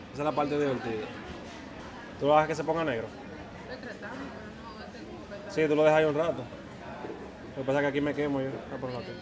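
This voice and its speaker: A man, a food vlogger chatting enthusiastically at a restaurant table, repeating his phrases. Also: mid-range voice. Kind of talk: casual restaurant vlog. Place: busy restaurant. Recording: crowd chatter behind.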